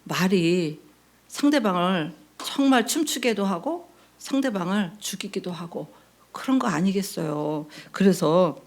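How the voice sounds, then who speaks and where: A woman's voice: on the low side, expressive, unhurried. A woman pastor preaching a sermon in a conversational, storytelling way. She acts out quoted dialogue and keeps asking the congregation for responses.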